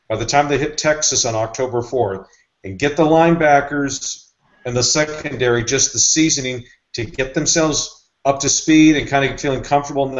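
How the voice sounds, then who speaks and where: Man giving drawn-out sports opinions, muffled. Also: mid-range voice. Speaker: podcast co-host. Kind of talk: casual sports podcast chat.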